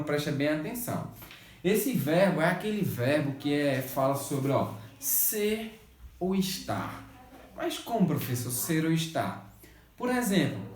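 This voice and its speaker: A man's voice: on the high side, darkish tone, roomy sound, a little hiss or hum. A Brazilian man teaching an English lesson in Portuguese. He keeps checking with his pupils and answers his own questions. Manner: patient, repeats checks like "tá certo?" and "beleza?"; asks questions and answers them himself. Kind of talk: remote school lesson.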